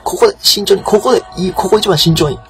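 A man with a Kansai accent giving casual let's-play commentary, excitable and bursting into loud yelps and cries, on a noisy old home recording. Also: high voice, fast talker, soft background music. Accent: Kansai Japanese. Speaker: game commentator.

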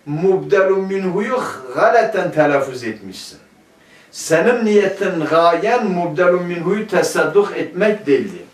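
A man's voice: high voice, very animated, measured pace. A man teaching a grammar lesson, asking his class questions and answering them himself. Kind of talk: classroom lecture. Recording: echoey room, mic at a distance.

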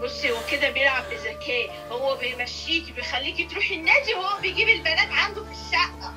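Egyptian woman friend, gossipy, high voice, distant echoey sound with music. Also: quick pace, bright, forceful tone. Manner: gossipy, stirring up suspicion. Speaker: friend on the phone.

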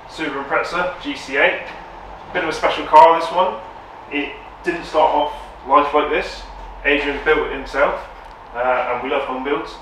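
Man, host, upbeat chatty, slightly high voice, echoey workshop, far mic. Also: pushed and bright, a little hiss or hum. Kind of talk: casual presenting. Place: tuning workshop, indoors. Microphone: far camera.

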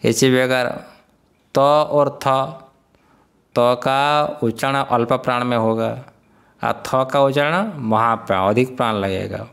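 A man's voice: medium pitch, gravelly, a bit bright, clean tone. Hindi-speaking male teacher quizzing his class. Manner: questioning, quizzes the listeners often; chuckles often, drills pronunciation slowly. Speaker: Vedanta teacher. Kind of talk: scripture class lecture.

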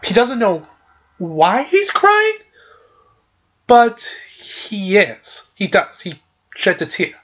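Slow, rambling man recapping a game. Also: high voice, highs cut off. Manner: rambling, filler-heavy storytelling. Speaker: podcast host recapping a video game. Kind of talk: casual plot recap.

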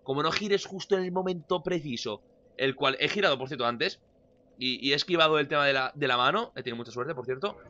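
Young man, let's-play commentator, bright and forceful, lo-fi home mic, jumps from shouts to mumbles. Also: a little high, quick pace, a little hiss or hum. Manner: excitable, swings from loud shouts to muttering. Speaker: gameplay commentator.

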